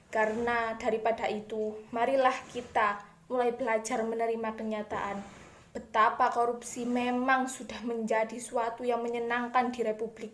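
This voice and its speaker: Smug corrupt official, played by a woman, satirical stage monologue. Higher register, hammy oratory, very roomy echo. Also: lightly acted. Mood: conciliatory, sly. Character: smug, self-righteous corrupt official proudly confessing. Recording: echoey room.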